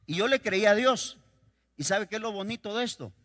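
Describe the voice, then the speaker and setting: A male pastor preaching a sermon, swinging between loud declarations and quiet storytelling. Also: high-pitched, expressive, normal speed. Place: church sanctuary. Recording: reverberant church hall.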